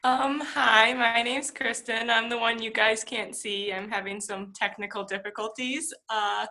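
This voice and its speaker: A shy young woman introduces herself softly, trailing off at the ends. Her voice is bright and slightly high over a video call. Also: steady tone, a little slow. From Livonia, Michigan. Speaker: incoming student.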